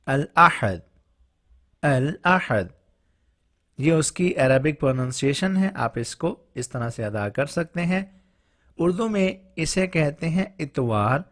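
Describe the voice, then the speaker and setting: A man with a Pakistani Urdu accent teaching a vocabulary lesson, saying each word slowly and repeating it clearly for learners. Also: a little high. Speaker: language teacher.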